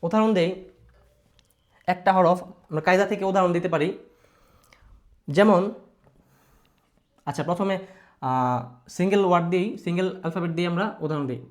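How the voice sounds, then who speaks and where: A fairly high-pitched man with a Bangladeshi Bengali accent teaches Quran recitation. He repeats each rule patiently and checks in with his pupils. He stretches out sounds as he models them. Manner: patient, repetitive, asks pupils questions and models drawn-out sounds. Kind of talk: recitation lesson.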